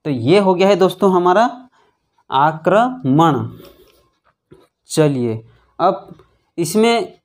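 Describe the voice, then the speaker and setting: In a high, animated, slightly mellow voice, a grammar teacher keeps quizzing his class, addressing them as friends and answering his own repeated questions. Spelling aloud, he elongates letters and syllables.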